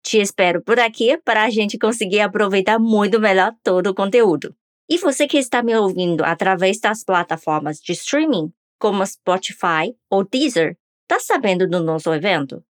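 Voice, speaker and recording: A woman's voice: mid-range voice, no room sound, studio quality. A woman teaching a pronunciation lesson on a podcast, upbeat and coaxing listeners to repeat after her. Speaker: language teacher.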